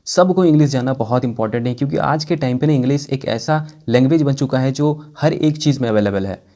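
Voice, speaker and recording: Indian man teaching English, slow repetitions. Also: medium pitch, warm tone. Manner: explains patiently, repeats example sentences slowly. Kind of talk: casual spoken English lesson.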